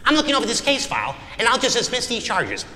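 A man's voice: very high-pitched, wildly swooping pitch, fast, sharp tone, full character voice. A man playing an exasperated, stern judge who scolds impatiently and incredulously. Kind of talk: comedy sketch acting. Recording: roomy hall reverb.

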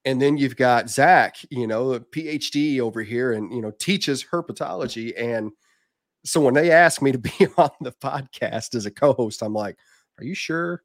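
A man's voice: medium pitch, normal speed, no echo, clean studio sound. A man with a southern Indiana accent near the Kentucky border, chatting casually and candidly as a podcast guest. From southern Indiana, United States. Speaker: podcast guest, reptile business owner.

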